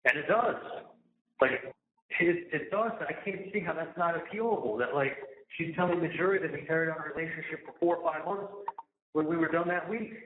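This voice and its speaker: A man's voice: fairly high pitch, brisk, a little hiss or hum. A man on a prison phone, talking to his mother in an agitated, indignant way, repeating himself and swearing. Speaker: inmate calling his mother. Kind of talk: phone conversation. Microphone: prison phone handset. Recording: tinny echoey prison phone line.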